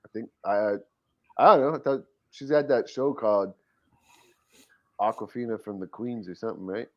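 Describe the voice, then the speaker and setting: A man's voice: lowish voice, moderate pace, muffled recording. A man co-hosting a podcast, chatting casually in a laid-back, teasing way. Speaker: podcast co-host. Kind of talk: casual chat.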